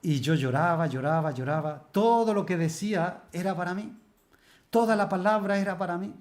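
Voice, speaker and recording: Man preaching a Bible study. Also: sits high. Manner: preaches with rhetorical questions and scripture readings; slows down and stresses words when reading verses. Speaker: pastor.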